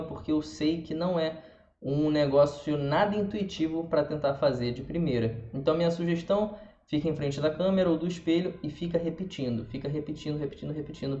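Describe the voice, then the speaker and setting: A man with a Brazilian Portuguese accent teaching a pronunciation lesson, demonstrating sounds slowly and repeating them for the viewer. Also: fairly high pitch, dark tone, slight background noise. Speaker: language teacher. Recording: roomy, dull lo-fi sound.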